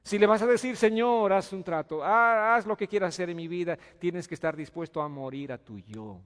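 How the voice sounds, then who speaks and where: A male pastor delivers a sermon in a fairly high voice, firing questions at his congregation. He moves between soft, pleading passages and loud outbursts. The long reverb of a church sanctuary trails after every phrase. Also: moderate pace.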